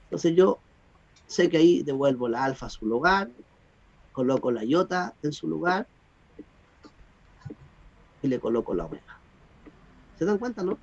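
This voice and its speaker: Gravelly man teaching online. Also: fairly high pitch, a little slow, pauses often. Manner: explanatory, animated, asks students if they follow. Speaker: Greek grammar teacher. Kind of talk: online class lecture. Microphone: video call. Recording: dull lo-fi video call audio.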